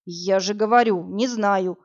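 A woman's voice: medium pitch, unhurried, natural voice. Woman voicing an edgy young man, jittery and later unhinged, audiobook read, lo-fi sound. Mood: nervous. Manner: nervous, faltering, then ranting. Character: nervous young man, turning manic. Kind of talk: audiobook character reading. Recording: dull lo-fi audio.

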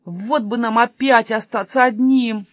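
A woman's voice: high-pitched, animated, a little fast, no room sound, pitched above the performer's own voice. Plaintive young robber, read by a woman, dry close sound. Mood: whiny. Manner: whining, plaintive. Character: whiny young male robber. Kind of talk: storybook reading.

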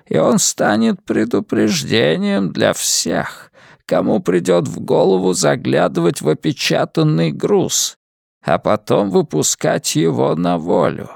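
A frail old man with a faint, rustling, gravelly voice, as a male narrator puts him on. He drags out each phrase with chilling courtesy. The read is close and dry, with no room around it. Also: a little high, sing-song, a little mellow, no room sound, pitched above the performer's own voice, full character voice. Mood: cold menace. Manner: slow, measured, coldly polite. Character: frail old man, cold, menacing villain.

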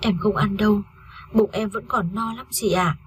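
A woman's voice: medium pitch, steady tone, moderate pace, slight background noise, natural voice. A woman reading a story aloud, voicing a grieving young wife who has lost her baby, in a tearful, pleading way. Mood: bitter.

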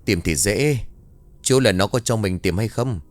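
A man doing a gruff, blunt older uncle. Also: lowish voice, expressive, measured pace, faint music behind.

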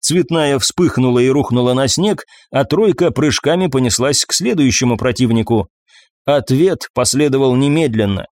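A man reading an audiobook in a measured, even storytelling voice. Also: mid-range voice, no room sound, studio quality. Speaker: audiobook narrator. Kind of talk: scripted narration.

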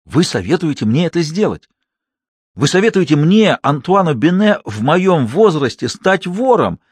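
A man's voice: fairly high pitch, very animated, moderate pace, husky, no room sound, pitched above the performer's own voice. A man voicing a pompous, aging theatre manager who thunders with outrage. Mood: outraged. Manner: blustering, outraged.

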